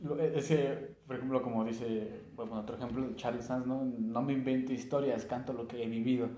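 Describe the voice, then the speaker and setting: A man's voice: medium pitch, steady tone, moderate pace, dark tone, a little hiss or hum. A young Mexican man in casual chat, slangy and constantly tossing in "güey". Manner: slangy, peppers speech with "güey". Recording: echoey room.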